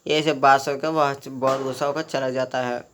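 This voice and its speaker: A man narrates a homemade story in a casual, unscripted way, pausing often and correcting himself mid-word. His voice sits at an ordinary middle pitch but barely moves, staying flat and even throughout. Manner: halting, with frequent restarts and self-corrections. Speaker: fan storyteller recapping his own story. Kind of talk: casual spoken story retelling.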